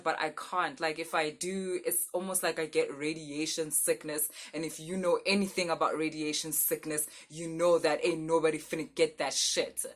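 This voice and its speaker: A woman's voice: fairly low pitch, a bit bright. A woman giving a casual, intimate spiritual oracle reading like a fortune teller, talking familiarly and emphatically to viewers with rhetorical questions and frequent check-ins.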